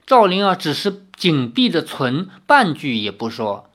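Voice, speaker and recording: A reader narrating a novel in an expressive storytelling manner. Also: mid-range voice, measured pace. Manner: expressive, shifting voices for dialogue.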